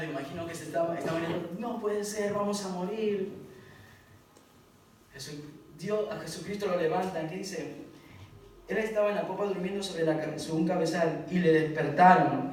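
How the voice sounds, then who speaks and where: A man preaching a sermon, reading scripture in loud emphatic bursts and dropping low for quieter asides. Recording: echoey hall from far off, faint noise.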